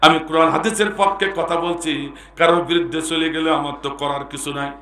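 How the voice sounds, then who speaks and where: A hoarse man with a Bangladeshi Bengali accent preaching a sermon, dropping to low confiding talk and then breaking into loud shouts as he quizzes the crowd. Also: steady tone, brisk, roomy sound, background noise. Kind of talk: Islamic sermon at a mahfil.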